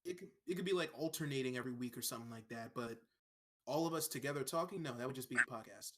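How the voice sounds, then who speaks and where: A man's voice: medium pitch, very noisy. A man co-hosting a podcast in casual chat over an online voice call, who argues his points and teases the others. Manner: argumentative, quick to explain and tease. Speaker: podcast co-host.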